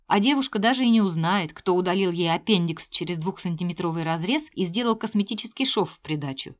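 A woman reading a novel aloud as an audiobook narrator, measured and expressive. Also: fairly low pitch. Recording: slightly dull lo-fi sound.

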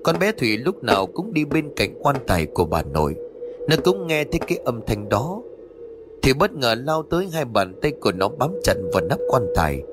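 A man telling a horror story in a scripted, dramatic, expressive way. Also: medium pitch, fairly quick, over music.

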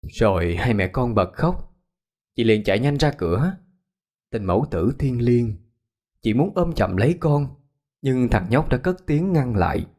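A man narrating a ghost story in a slow, somber way. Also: medium pitch, animated, darkish tone.

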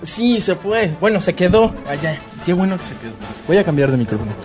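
A man's voice: sits high, very animated, fairly quick. A Mexican-accented man hosting a podcast in casual, slangy, foul-mouthed comic chat. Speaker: podcast host. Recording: music and crowd noise behind. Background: music and crowd.

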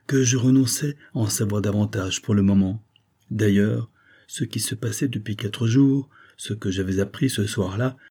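Male audiobook narrator, measured literary delivery, low and dark. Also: husky. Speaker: audiobook reader. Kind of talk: scripted narration of a novel.

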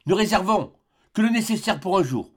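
A man's voice: high voice, expressive, brisk, husky, pitched above the performer's own voice. A man reading aloud voices a resolute British doctor giving urgent orders aboard a sinking balloon. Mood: commanding. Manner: urgent, commanding calls.

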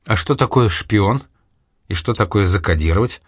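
A man's voice: fairly low pitch, expressive, unhurried, fairly bright tone, dry recording, clean studio sound. A man reading an audiobook, voicing a sincere, naive young man who has lost his memory, speaking hesitantly. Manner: hesitant, earnest.

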